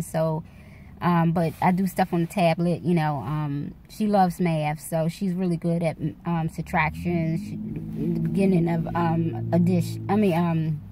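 A woman in her forties chats loosely into a phone held close, her voice sitting a little low. She rambles from thought to thought in a relaxed, candid way, talking straight to her followers. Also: a little hiss or hum. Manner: rambling, candid, addresses viewers as y'all. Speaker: vlogger. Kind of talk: casual chat to camera. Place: dark room at night. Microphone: phone camera held close.

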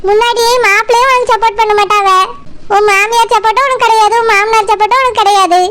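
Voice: extremely high pitch, fairly even intonation, quick pace, pushed and bright. A performer voicing a mother who consoles her married daughter and rails at the mother-in-law, in a Tirunelveli accent. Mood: indignant. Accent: Tirunelveli Tamil. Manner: indignant, consoling.

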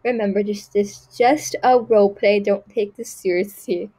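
A woman's voice: mid-range voice, fairly even intonation, moderate pace, mellow, low-quality recording. A woman YouTuber casually wrapping up her role-play video with a light, chatty sign-off to her viewers.

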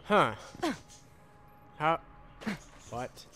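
A gaming YouTuber with a higher, bright and forceful voice talks very slowly but animatedly through his live gameplay. He mutters questions to himself and swears mildly, with faint game sound and a little hiss or hum in the recording.

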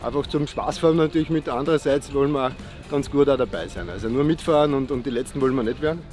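A man's voice: medium pitch, quick pace, over music. A man, a sailor, speaking in an easygoing interview outdoors by a lake. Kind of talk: casual interview.

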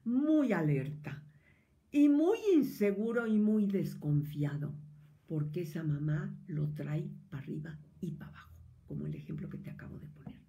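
Expressive Mexican woman psychologist lecturing. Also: on the low side, normal speed, vocal fry. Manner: expressive, animated, drops into whispers at times. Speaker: psychologist giving a talk. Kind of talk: explanatory lecture addressing listeners.

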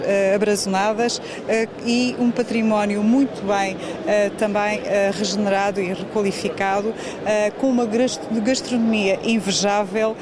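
A woman in her forties, a municipal president, interviewed at a trade fair stand, inviting visitors and pausing with fillers. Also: mid-range voice. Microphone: handheld reporter mic. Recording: background noise from fair hall.

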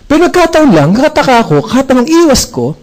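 A man with a fairly high voice working a live crowd in a motivational talk. He jokes, throws questions at the audience and acts out little scenes as he goes. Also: very animated, quick pace, rough recording. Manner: joking, asks the audience questions, acts out dialogue. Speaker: speaker at a business presentation.

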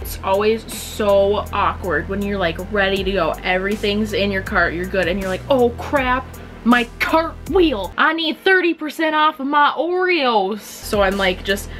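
A woman's voice: mid-range voice, a bit bright. Young woman, chatty, self-mocking, casual storytime vlog, faint music underneath. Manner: chatty, self-mocking, acts out awkward moments with quick voice shifts. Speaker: vlogger.

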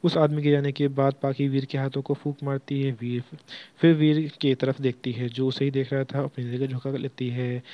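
Flat-voiced male story narrator. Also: mid-range voice, moderate pace, hardly any pauses, no room sound. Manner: plain reading with frequent self-corrections. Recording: dull lo-fi audio.

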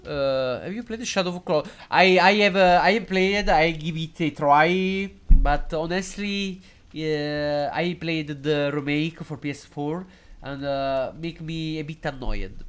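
A man giving casual, excitable and jokey live commentary while streaming a game, hesitant and halting whenever he switches into English. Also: on the high side, clear, resonant tone. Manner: excitable and jokey, swings between loud outbursts and mumbling.

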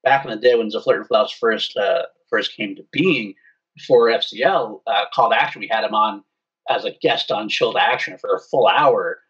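A man's voice: fairly low pitch, moderate pace, a bit bright, far from the mic, dull audio. A man co-hosting a casual show, laughing easily while he tells anecdotes. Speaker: co-host. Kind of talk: casual podcast chat.

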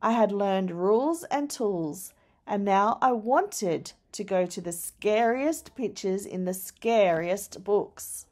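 A woman reading a children's picture book aloud, expressive, with dramatic rises at the scary moments. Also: medium pitch. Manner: slow, deliberate storytelling. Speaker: storyteller.

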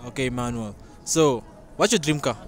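A man's voice: mid-range voice, expressive, normal speed. A young man hosting a casual street interview, upbeat and quizzing his guest. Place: outdoor market square. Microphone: handheld mic. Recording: crowd noise outdoors.

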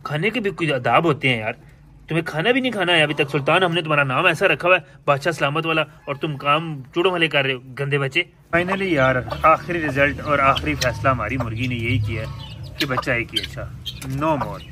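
In his home yard with the pet cages, a young pet and bird vlogger films his animals, chatting playfully and alternately scolding and coaxing them. His fairly high voice is brisk. The outdoor recording carries loud birdsong and a little hiss or hum.

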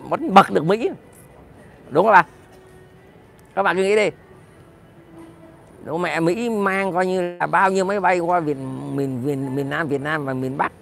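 High, gravelly male commentator; angry, crude monologue straight to his audience. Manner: heated, profane, addresses viewers directly, rises to shouting. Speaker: political commentator. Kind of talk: ranting monologue to viewers.

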